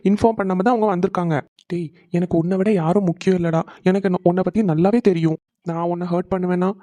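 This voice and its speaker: A man's voice: high-pitched, mellow, close to an everyday voice. A man voicing a devoted young older brother in a cartoon, earnest and reassuring. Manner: earnest, reassuring, swearing his innocence. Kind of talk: cartoon voice acting.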